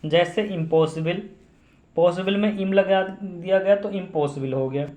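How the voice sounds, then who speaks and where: A man's voice: sits high, measured pace, dark tone. A man teaching English grammar, repeating each definition and asking and answering his own questions. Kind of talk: classroom-style grammar lesson.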